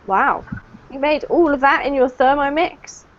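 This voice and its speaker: A woman's voice: sits high, unhurried, lo-fi sound. A woman from the UK who lives in New Zealand, teaching an online English class in a friendly way and laughing often. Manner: friendly, laughs often, talks over students. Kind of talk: casual online class chat.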